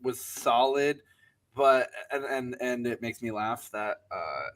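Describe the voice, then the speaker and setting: A man's voice: medium pitch, expressive, slow pace, a bit bright, a little hiss or hum. A man co-hosting a soccer podcast in casual chat, often stumbling and restarting his sentences and laughing. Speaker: podcast co-host.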